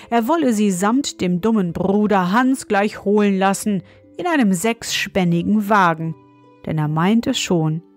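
A woman reads a fairy tale aloud as a bedtime story, calm and measured. Her pace is very slow and her pitch sits in the middle, with soft music faintly underneath.

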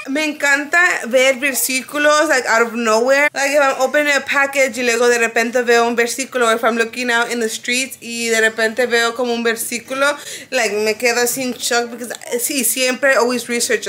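A woman's voice: a little high, sharp tone. A young woman vlogging casually into a phone camera, mixing Spanish and English and getting emotional. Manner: chatty, emotional, switches languages mid-sentence. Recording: phone vlog with clear background noise.

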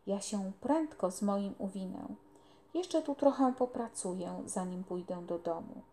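A woman's voice: medium pitch, animated, unhurried, dark tone. A woman doing a cheerful country boy. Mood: easygoing.

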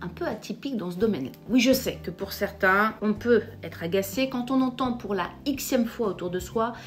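A woman's voice: mid-range voice, moderate pace. A middle-aged French woman, a psychotherapist, hosting an emphatic direct-to-camera explainer and addressing viewers directly. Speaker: psychotherapist and YouTube host.

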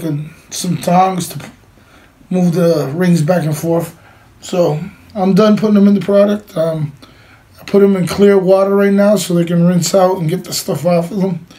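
A middle-aged man speaks casually and plainly to camera during an indoor hands-on demonstration. His voice sits high with a dark tone, fairly even intonation and normal speed. He is informal, set in a small room with a cloth backdrop, and the home recording is clearly noisy.

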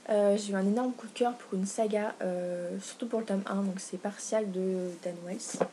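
A young woman chatting casually in a book haul vlog, gushing and excitable, full of fillers and self-corrections. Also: mid-range voice, normal speed. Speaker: book vlogger. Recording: faint background noise.

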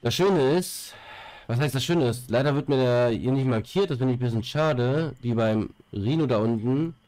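Casual chat while gaming comes from a young male streamer whose nose is blocked by a cold; he rambles on his headset with fillers and repeated words. His medium-pitched voice is darkish, at normal speed, in a dry recording.

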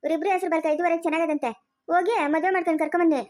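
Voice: extremely high pitch, flat delivery, racing. Someone playing a smug scheming brother. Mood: defiant. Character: scheming defiant younger brother, man. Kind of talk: family village drama.

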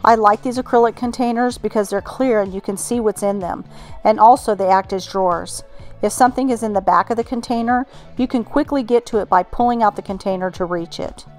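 A middle-aged woman from Texas narrates in a calm, friendly, instructive way, her plain. Her pitch sits in the middle for a woman. Soft music plays faintly beneath the voice-over. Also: fairly quick. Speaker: home organizing channel host.

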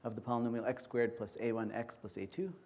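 A man giving an academic conference lecture in an auditorium, explaining step by step in a measured way. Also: mid-range voice, fairly even intonation, a little mellow.

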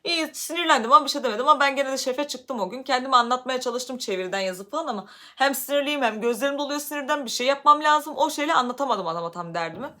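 A high, bright woman's voice from Turkey, talking fast. She tells a story in a casual vlog, and her voice climbs and gets loud as she warms up. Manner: animated, voice rises loudly when upset. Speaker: vlogger.

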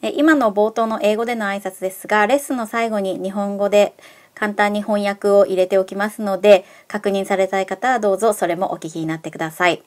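A middle-aged woman giving a bilingual pronunciation lesson as an English teacher. She enunciates her English slowly and carefully, and she turns lively and emphatic when stressing sounds. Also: mid-range voice.

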